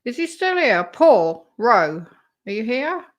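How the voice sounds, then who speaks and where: A woman's voice: a little high, very animated, takes it slowly. A woman hosting a casual live stream, reacting to a clip and talking to her chat. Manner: chatty, reacting to a clip and reading chat aloud.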